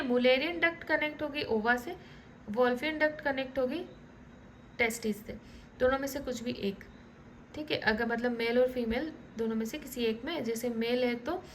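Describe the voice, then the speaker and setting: A woman teaching biology in a relaxed lecture style, often checking in with the class and restarting words as she explains diagrams. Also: sits high, a little hiss or hum, rough recording.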